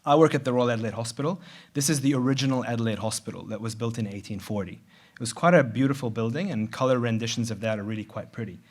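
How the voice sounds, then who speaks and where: A middle-aged man who grew up in Dubai, giving a conference presentation in a conversational, measured way with some restarts. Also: medium pitch. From Middle East, grew up in Dubai. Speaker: conference speaker, surgeon. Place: large venue.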